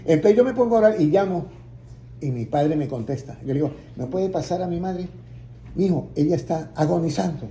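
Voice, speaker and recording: A man's voice: fairly high pitch, animated, a little fast, warm tone, slight background noise. A man preaching a testimony, telling his story and acting out the voices in it, building to emphatic peaks. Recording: roomy echo, faint ambience.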